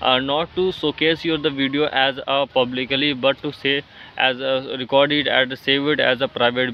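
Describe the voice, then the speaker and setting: This English-learning vlogger is a native Hindi speaker from Jharkhand, India, and he speaks with an Indian accent in a mid-range voice. Delivering a casual motivational piece to camera, he keeps an even, monotone delivery broken up by frequent fillers and restarted phrases. The lo-fi audio is muffled with the treble cut and carries slight background noise.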